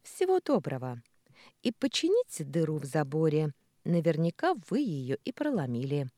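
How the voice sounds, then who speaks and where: A female narrator voicing a spirited, quick-tempered young woman who talks sharply and bossily. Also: low voice, wildly swooping pitch, dry recording, studio quality, full character voice. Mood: brisk. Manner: sharp, exasperated, commanding. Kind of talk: audiobook character voice.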